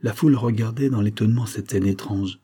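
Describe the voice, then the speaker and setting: A male narrator reading a classic novel at a steady, measured pace. His voice is low and dark, with a husky, slightly breathy grain. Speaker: audiobook narrator.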